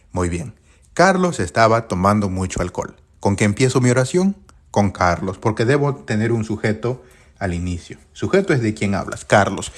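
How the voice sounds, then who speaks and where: In a live-streamed English grammar lesson, a man with a somewhat low voice keeps quizzing his viewers and repeating their answers back to them.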